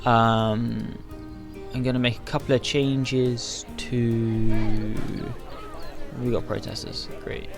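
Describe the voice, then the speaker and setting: Sleepy, gravelly man rambling over gameplay. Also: mid-range voice, little pitch movement, slow, pauses often, over music. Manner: rambling, self-talking, frequent fillers. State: sleepy, yawning. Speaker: gaming video creator. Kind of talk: casual commentary while building in a game.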